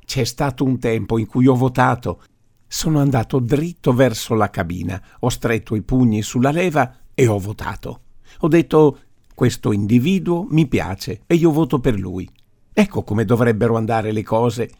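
A gruff, stubborn old grandfather, voiced by a male reader in an audiobook. He declaims with force and indignation, his voice raised. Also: mid-range voice, normal speed, dark tone. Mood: indignant. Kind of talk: audiobook character voice.

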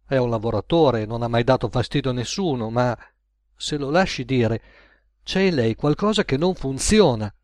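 A man's voice: fairly high pitch, darkish tone, dry recording, studio quality, close to an everyday voice. A man voicing a blunt, weary middle-aged woman cashier who lectures frankly, in a storybook reading.

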